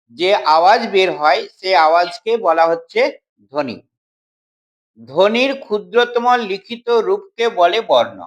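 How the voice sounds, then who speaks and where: A man's voice: high voice, lo-fi sound. Man teaching grammar, repeating definitions. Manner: repeats each definition and checks in with short questions; addresses the student familiarly. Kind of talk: informal classroom explanation.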